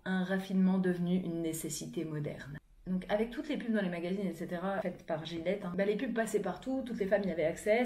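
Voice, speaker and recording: A woman's voice: lowish voice, warm tone. A young woman vlogging in a frank, chatty way, talking casually with plenty of fillers. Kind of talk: casual explanatory vlog monologue. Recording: echoey room.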